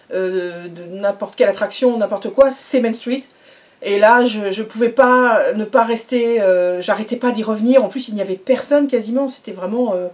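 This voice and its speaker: A woman's voice: medium pitch, darkish tone. A woman giving a casual, effusive recap, repeating words for emphasis. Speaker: vlogger.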